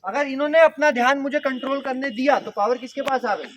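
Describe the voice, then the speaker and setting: A man with an extremely high-pitched, fairly bright voice talks fast as he runs a mind-power workshop for school students. He keeps it playful and interactive, quizzing the audience with questions.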